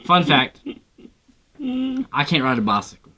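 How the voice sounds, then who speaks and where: A man's voice: mid-range voice, lively intonation, a little slow, bright, forceful tone. A man co-hosting a reaction video in casual, joking chat, laughing often and talking in slang.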